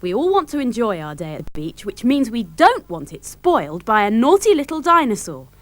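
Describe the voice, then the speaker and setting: A woman voicing a kindly but stern dinosaur father in a storybook reading, with a gentle, measured delivery. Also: a little high, very animated, no echo. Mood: gently firm.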